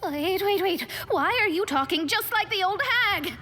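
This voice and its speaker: A woman's voice: extremely high pitch, animated, moderate pace, bright, forceful tone, faint music behind, heavily acted. A woman voicing a proud, indignant young woman astrologer in a video game.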